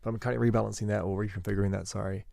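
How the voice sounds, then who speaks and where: Young male student, deep monotone with gravel, quick rambling self-corrections, dry close phone recording. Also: dry recording. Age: young adult. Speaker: university student vlogger. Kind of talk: casual spoken journal. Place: indoors at home.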